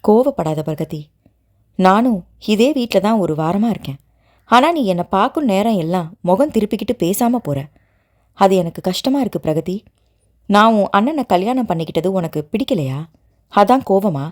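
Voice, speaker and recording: A woman's voice: medium pitch, expressive, moderate pace, darkish tone, close to an everyday voice. A woman reading a novel aloud, voicing a playful, teasing young wife who hides her hurt behind jokes. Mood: pleading. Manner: playful and teasing, turning tender.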